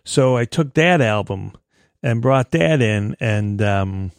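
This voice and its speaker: A man with a thin, reedy, slightly raspy voice, chatting and rambling casually as he hosts a music show on the radio. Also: mid-range voice, animated, slow pace, no echo. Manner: chatty, rambling, chuckles often. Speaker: radio host. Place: radio studio.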